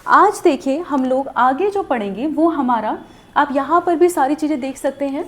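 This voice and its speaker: Young woman explaining a lesson, high voice that jumps around a lot, patient. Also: expressive, normal speed. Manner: patient, explanatory, repeats "theek hai". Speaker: shorthand teacher. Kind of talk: recorded lesson.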